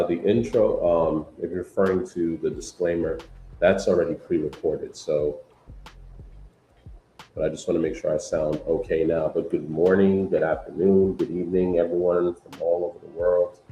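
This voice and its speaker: A very low-voiced man hosts a casual livestream, chatting loosely and filling pauses with "um" and "you know." His voice carries a roomy echo. A faint hum of noise sits underneath. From New York. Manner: relaxed, rambling, many fillers, keeps saying "guys". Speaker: livestream host.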